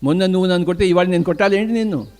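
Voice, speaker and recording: A man's voice: high-pitched, racing, a little mellow. An older man with a Telugu accent giving an emphatic spiritual discourse as a meditation teacher, asking questions and answering them himself.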